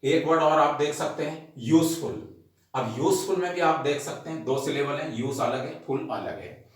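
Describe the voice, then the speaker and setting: A man teaching English grammar to students. He explains each rule slowly and patiently, spells words out letter by letter, and repeats every point. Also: fairly high pitch, animated. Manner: addresses the class directly as students. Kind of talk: recorded grammar lesson. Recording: very echoey room.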